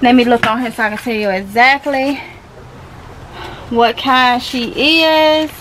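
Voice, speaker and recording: A woman with a Mississippi Southern accent talks to her viewers as she pots plants in a small outdoor greenhouse. Her voice is high and bright, with a forceful edge. She rambles and repeats herself in a relaxed, homey way, and faint outdoor noise sits behind her. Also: unhurried, low-quality recording. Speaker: gardening vlogger. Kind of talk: casual talk to camera while gardening.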